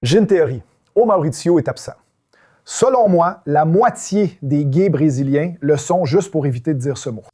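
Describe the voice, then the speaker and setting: A man's voice: on the high side, expressive, moderate pace, dark tone, husky. Playful man in a podcast chat. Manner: playful, teasing. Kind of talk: casual chat. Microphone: studio podcast microphone.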